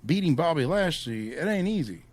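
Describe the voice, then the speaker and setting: A man's voice: on the high side, sing-song, normal speed, darkish tone. A man co-hosting a podcast in casual chat, joking animatedly and slipping into Spanish. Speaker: podcast co-host.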